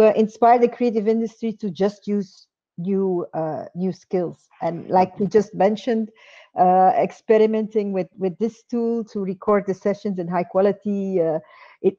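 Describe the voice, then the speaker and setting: A middle-aged woman hosting an interview on a video call, speaking hesitantly with many pauses and restarts. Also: mid-range voice, steady tone, mellow. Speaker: interview host. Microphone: earbud headset on a video call. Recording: dull lo-fi video call audio.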